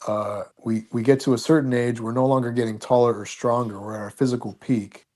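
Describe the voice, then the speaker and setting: A man's voice: medium pitch, fairly even intonation, brisk, darkish tone. A man hosting a casual debate, building probing questions step by step. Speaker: host.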